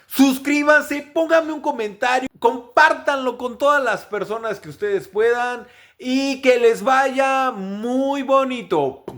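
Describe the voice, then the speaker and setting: A man teaching English pronunciation, repeating each example word slowly several times. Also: very high voice. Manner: upbeat, animated sign-off. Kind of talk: pronunciation lesson.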